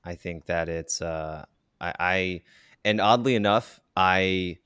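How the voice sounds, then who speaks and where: A man's voice: low-pitched, slow, fairly bright tone, clean tone, no echo, studio quality. A man hosting a podcast, speaking in a reflective, hesitant way with many restarts. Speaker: podcast host. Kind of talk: casual interview chat.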